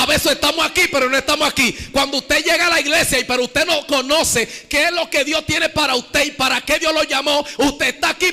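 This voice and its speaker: A man preaching a fiery sermon to a church congregation, shouting in sing-song bursts and calling on the crowd to answer. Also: extremely high pitch. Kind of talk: Pentecostal sermon. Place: church service.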